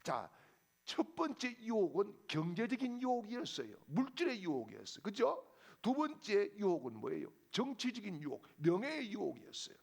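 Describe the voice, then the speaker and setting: A man's voice: high voice, very animated, normal speed, gravelly. A male pastor preaching a sermon, firing rhetorical questions at the congregation.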